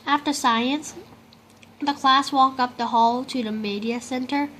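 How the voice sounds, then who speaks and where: Reading a picture book for children, this storyteller speaks in a high voice and a little slowly. A steady background noise is clearly audible.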